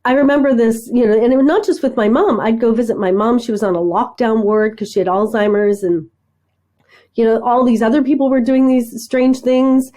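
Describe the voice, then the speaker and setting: A middle-aged woman talking as a podcast guest, telling animated stories, acting out bits of dialogue and often checking in with "right?". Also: a little high, a little fast. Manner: animated storyteller, acts out dialogue, frequent "right?". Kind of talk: conversational interview.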